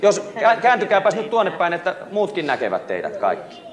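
Chatty higher-voiced quiz show host man. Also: huge pitch swings, very noisy. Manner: chatty, teasing banter with contestants. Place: live event aboard a cruise ship.

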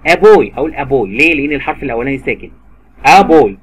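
A man's voice: medium pitch, lively intonation, rapid-fire, a little hiss or hum. A man with an Egyptian Arabic accent teaching English grammar to a child, patiently repeating words and examples. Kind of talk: drilling grammar lesson for a child.

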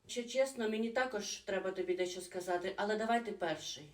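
A woman voicing a quiet, gentle young pregnant wife who speaks hesitantly. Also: medium pitch, fast, close to an everyday voice. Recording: roomy echo.

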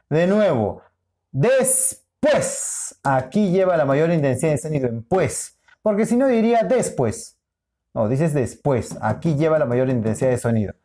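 A man teaching a recorded lesson with a warm, mellow voice. He explains patiently, drawing words out, repeating each point and checking in with short questions. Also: medium pitch. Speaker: school teacher.

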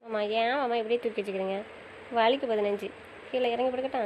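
A woman's voice: fairly high pitch, fast, a little mellow, a little hiss or hum, poor audio. A young woman in affectionate, teasing banter with her husband, pleading and playful by turns. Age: young adult. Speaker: wife in a couple's chat. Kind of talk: casual couple banter.

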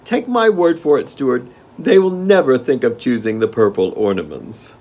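A man voicing a petulant, vain male gnome king who is quick to anger and gleeful about his tricks. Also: mid-range voice, expressive, a little mellow, voice pushed up, close to an everyday voice. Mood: smug, gleeful.

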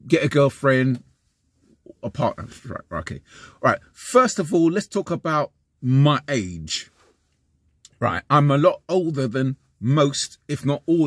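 This vlogger, a Londoner in his 50s with a West London accent, talks to a camera held close in front of his face in the small, enclosed space of a parked van. His mid-range voice rambles casually, often restarting or repeating itself, while he gestures animatedly. There's no room sound.

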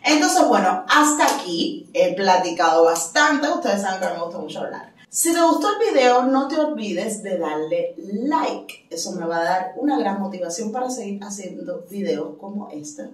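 A woman giving a casual language lesson as a French teacher, explaining patiently and repeating phrases slowly for learners. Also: medium pitch, expressive. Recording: roomy echo, mic at a distance.

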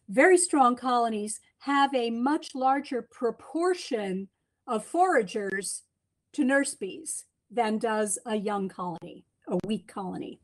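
Speaking indoors from a room at home, a middle-aged woman gives a chatty beekeeping slide lecture over a video call, her webcam picking up many ums and restarts. Her voice is a little high with a darkish tone.

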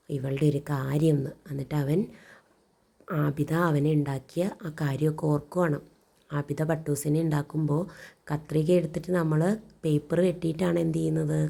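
A woman's voice: low voice, gravelly, mellow. A woman teacher reading a story to children and explaining it, asking questions and answering them herself. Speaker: primary school teacher.

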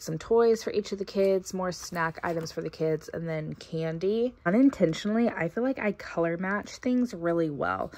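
A young woman narrating a casual haul video at home, thinking aloud as she sorts gifts, with a few soft laughs. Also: lowish voice, slight background noise. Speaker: vlogger. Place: carpeted room at home, indoors.

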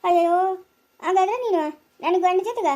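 A woman with a rural Karnataka Kannada accent playing a meddlesome village woman who goads and teases with quick jibes in an amateur family skit. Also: very high-pitched, mellow. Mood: teasing. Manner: teasing, goading, quick jibes.

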